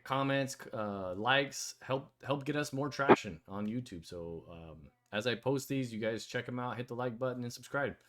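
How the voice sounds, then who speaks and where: A man's voice: mid-range voice, normal speed, few pauses, fairly bright tone. A man hosting a casual online voice chat, talking loosely with many fillers and restarts. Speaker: host of a community AMA.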